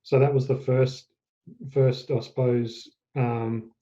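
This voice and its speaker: An Australian man in his forties with a very dark, mellow voice that stays flat in pitch. He tells his story as a podcast guest, halting and correcting himself. The audio is dull and lo-fi. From Australia, central Queensland. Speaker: guest, fitness business owner. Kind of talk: casual interview storytelling.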